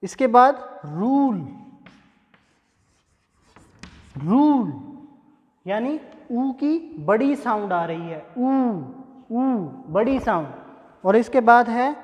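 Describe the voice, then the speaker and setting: A man teaching English pronunciation in a classroom-style lesson, speaking deliberately and repeating example words so they can be drilled. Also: very high voice. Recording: echoey room with long reverb.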